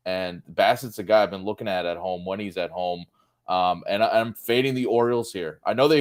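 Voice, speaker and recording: A man with a fairly low voice co-hosting a sports betting chat. He moves the show along and works through his numbers in a steady, filler-heavy way. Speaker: co-host, betting analyst.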